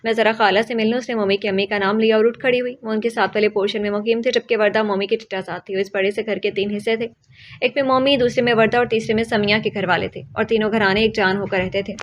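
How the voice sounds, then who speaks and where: A woman narrating a novel aloud in a steady storytelling manner. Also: mid-range voice, a little hiss or hum. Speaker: audiobook narrator. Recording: dull lo-fi audio.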